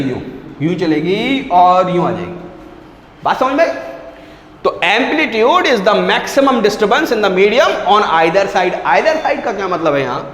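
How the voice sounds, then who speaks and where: A man teaching physics in a classroom-style lecture, explaining step by step, mixing in English definitions, and often checking whether students understood. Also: high-pitched. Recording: echoey room with a long reverb.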